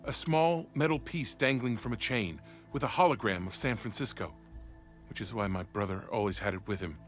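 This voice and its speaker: This man's voice sits lowish, moving at a normal pace and sounding natural as he acts a formal, nervous weapons officer in a video game. Earnest, deferential and sorrowful, the cutscene performance is backed by music.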